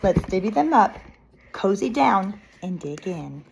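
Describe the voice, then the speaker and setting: A cheerful picture-book badger, read by a woman, eager and inviting. The voice is creaky and unhurried, with faint background noise. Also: mid-range voice, big pitch swings, low-quality recording. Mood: eager, friendly. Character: friendly scuttling badger, eager to share, storybook animal.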